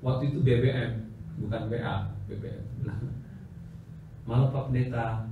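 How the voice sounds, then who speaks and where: A male pastor telling stories during a church seminar, acting out the dialogue with animated delivery and frequent laughter. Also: medium pitch, normal speed, recorded from a distance, narrow, tinny audio, noisy background. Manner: animated storyteller who acts out dialogue and laughs. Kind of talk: anecdotal church seminar teaching. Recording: echoey hall recording from afar.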